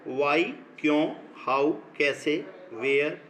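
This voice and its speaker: A middle-aged man with an Indian accent, a school teacher giving an online grammar lesson in slow, dictation-like phrases, switching between English and Hindi. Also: fairly high pitch, fairly bright tone, slight background noise, low-quality recording.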